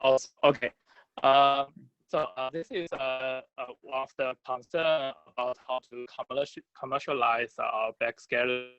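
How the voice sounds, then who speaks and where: A man answering a conference question over a video call, talking haltingly with many fillers while his connection breaks up and drops out. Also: mid-range voice, fairly even intonation, fairly bright tone, no room sound, highs cut off. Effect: breaking-up, dropping video call audio. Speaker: researcher presenting his work. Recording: choppy distant video call line.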